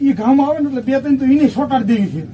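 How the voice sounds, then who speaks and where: A pushy village schemer who rattles his plans off quickly, as a man acts him. His voice is very high and sounds far from the mic, with faint noise behind it. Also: dark tone. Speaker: actor in a village comedy skit. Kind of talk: amateur comedy film acting.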